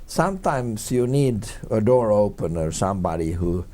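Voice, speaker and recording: This middle-aged man from Finland works as a tourism consultant and is a guest in an English-language interview, though his first language is Swedish. His conversational answers are halting, with many repeats and restarts. His voice is on the low side and dark, with lively intonation.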